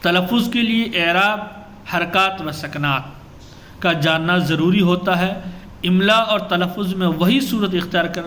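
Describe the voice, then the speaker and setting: A man's voice: sits high, a bit bright. Guy teaching exam prep, quizzes himself as he goes, roomy echo. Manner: explanatory, asks and answers own questions. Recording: echoey room with faint ambient noise.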